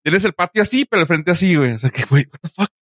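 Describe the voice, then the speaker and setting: A young man with a Mexican Spanish accent chatting casually, animated and slangy, acting out the people he quotes. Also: sits high, very fast, no echo, studio quality. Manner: animated, says "güey" constantly, acts out quotes. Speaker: podcast co-host. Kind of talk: casual chat.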